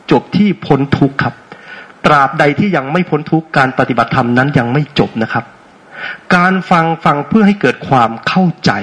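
A man's voice: fairly high pitch, fairly bright tone. A man giving an interactive dharma talk as a meditation teacher, playful and often checking in with questions. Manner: asks frequent rhetorical check questions; playful, teasing with audience.

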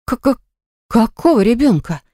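A reader voicing a shocked young woman who squeals her lines in a high, near-tearful voice. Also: expressive, a little fast, a little mellow, dry recording, studio quality, natural voice. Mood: bewildered. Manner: high, squeaky, on the verge of tears. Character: shrill, shocked young woman, office boss's wife.

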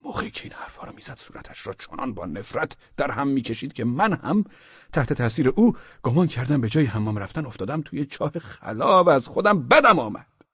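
A man narrating a humorous audiobook in a wry, expressive storytelling manner. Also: medium pitch, slightly rough, dry recording, highs cut off.

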